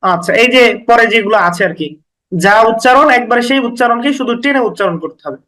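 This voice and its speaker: Speaking at a quick pace, a man with a very bright, forceful and very high voice walks through recitation rules one at a time. He is patient, repeats each point, and draws out the example sounds while staying even across the lesson. The recording is low quality.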